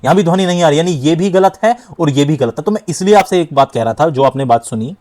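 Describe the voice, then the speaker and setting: A young man teaching grammar for exam prep, emphatic and repetitive, slowly sounding out syllables to demonstrate. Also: fairly high pitch, a little mellow. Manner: emphatic, repeats key points, often says "dhyaan deejiye". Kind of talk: exam-prep lesson at a board.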